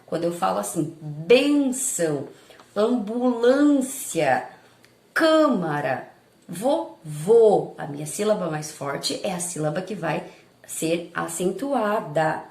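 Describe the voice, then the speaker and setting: A Brazilian woman teacher records a review lesson, explaining each point patiently and checking in with her pupils. Her voice has a gravelly fry. The room around her sounds echoey. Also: lowish voice, normal speed. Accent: Brazilian Portuguese. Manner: patient, explaining step by step with frequent check-ins.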